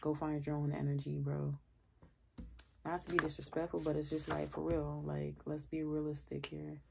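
Low gravelly woman doing blunt tarot reading. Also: monotone, normal speed, background noise. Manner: blunt, cursing, repeats "all right?". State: voice not her usual, sounds off. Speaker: tarot reader. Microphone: phone.

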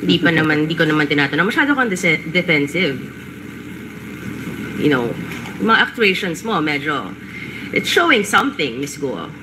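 A woman's voice: low-pitched, very animated, moderate pace, pauses often, background noise. A woman questioning a witness at a hearing, pressing with pointed questions. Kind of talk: formal hearing interrogation. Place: hearing room.

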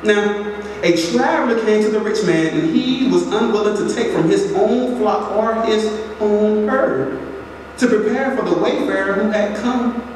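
Young man preaching, earnest and emphatic, fairly high voice, distant echoey church hall. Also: a little slow. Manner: earnest, preacherly, with repetitions and direct appeals. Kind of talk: sermon. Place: large church sanctuary. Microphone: pulpit mic, filmed from far back in the pews. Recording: echoey hall from far off, audible noise.

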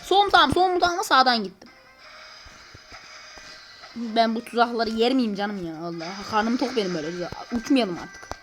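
High, lively young-sounding woman gaming. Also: moderate pace, long pauses, soft background music. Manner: slangy, loud sudden exclamations. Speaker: gameplay channel host. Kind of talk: excited gameplay commentary.

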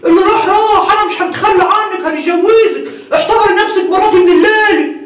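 A woman putting on the voice of a smug male friend with an Egyptian accent, talking boastfully in a lowered voice. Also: fast talker. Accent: Egyptian Arabic. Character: smug male friend who woos the widow. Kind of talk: comic home sketch. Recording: echoey room, far from the mic.

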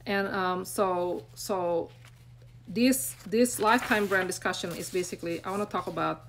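There's a little hiss or hum as a fairly low-pitched woman speaks at a moderate pace with an Indonesian accent. In her forties and working as a brand coach, she hosts a live stream from her phone at arm's length in a small room, rambling earnestly and encouragingly with many fillers.

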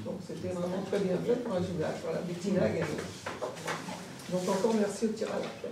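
A woman's voice: fairly low pitch, a little fast, background noise. A woman reporting to a town council meeting as a twinning committee member, speaking hesitantly with many fillers. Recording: echoey room heard from a distance.

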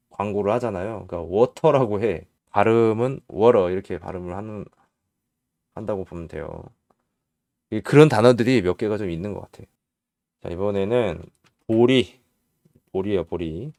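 A man teaching English spelling in Korean, slowly spelling out letters and repeating each sound patiently. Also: fairly low pitch, darkish tone, dry recording, clean studio sound. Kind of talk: casual spelling lesson.

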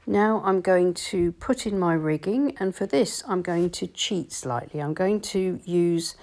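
A woman, calmly explaining each step of a watercolour painting tutorial in voice-over. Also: fairly low pitch, a little slow. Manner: calm, explanatory, gently instructive. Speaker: watercolour teacher.

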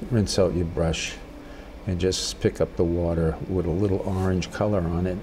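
An older man giving a casual watercolor tutorial as a gentle, encouraging, unhurried painting instructor. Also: low voice, steady tone, a little hiss or hum.

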